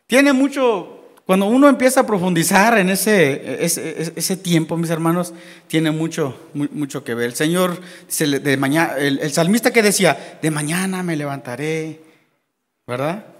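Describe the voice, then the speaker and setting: A Mexican man leads a Bible class in a church hall, his voice sitting high for a man. He reads verses slowly and then turns to the congregation with questions. The sound carries a long hall reverb. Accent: Mexican Spanish.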